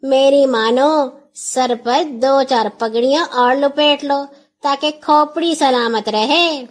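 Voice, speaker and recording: A woman's voice: sits high, lightly acted. A woman voicing a mocking male moneylender who scoffs and strikes a bargain. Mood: scoffing.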